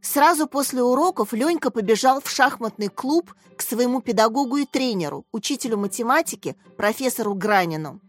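A woman narrating a children's storybook in a lively, expressive reading. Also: fairly high pitch, a little fast, hardly any pauses, soft background music.

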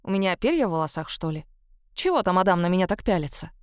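A brash young Frenchman, as a woman reads him, quick with a joke and a grin. Her voice drops a touch for him, and the storybook read is close and dry. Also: lowish voice, clear, resonant tone, no room sound. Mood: joking. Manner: brash, joking, lively. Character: cocky young Frenchman, cheerful then frightened.

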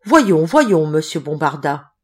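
A woman reading an audiobook, voicing a shrewd male examining magistrate who speaks in a measured, authoritative way. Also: low-pitched, very animated, husky, voice pushed down, heavily acted. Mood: coaxing.

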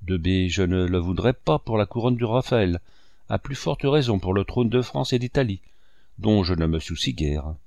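A man's voice: lowish voice, expressive, moderate pace, gravelly, darkish tone, dry recording. A man voicing a wounded old painter. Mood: indignant. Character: old sorrowful male painter, indignant.

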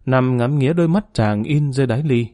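A man reading a novel aloud in a steady, measured storytelling voice. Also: mid-range voice, no echo, studio quality. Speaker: narrator. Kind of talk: audiobook narration.

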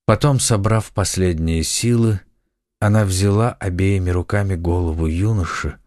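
A man narrating an audiobook in a measured, dramatic way. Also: deep voice, darkish tone, no echo, clean studio sound. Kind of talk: scripted narration.

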